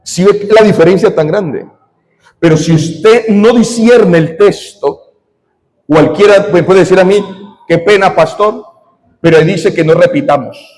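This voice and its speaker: A man, preaching a sermon as pastor, animated, quizzing his congregation and breaking into shouts. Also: sits high, a little slow, big-room sound, rough recording. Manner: animated, asks the congregation questions, shouts in bursts.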